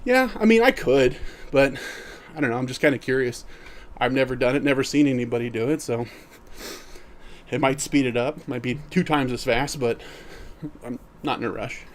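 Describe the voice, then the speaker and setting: A middle-aged man live-streaming, who reads chat aloud and answers it in a relaxed, easygoing way while walking in place. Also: medium pitch, moderate pace, a little hiss or hum.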